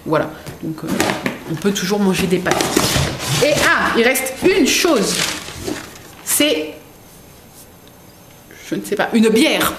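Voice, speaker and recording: Chatty woman unboxing in an echoey room. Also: mid-range voice. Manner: rambling, many fillers and self-corrections. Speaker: unboxing vlogger. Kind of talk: casual chatty product unboxing. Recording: echoey room with faint background noise.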